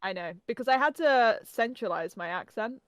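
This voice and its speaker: A young woman from England with a softened Norfolk accent, co-hosting a casual podcast chat and rambling with lots of fillers. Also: on the high side, lively intonation, normal speed, clear, resonant tone, dry recording. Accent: English, softened Norfolk. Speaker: podcast co-host.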